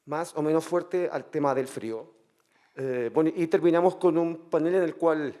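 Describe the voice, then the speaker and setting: High-voiced man, casual. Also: a little mellow. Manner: casual, hesitant, describing drawn panels. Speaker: illustrator. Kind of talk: talk at a public science event.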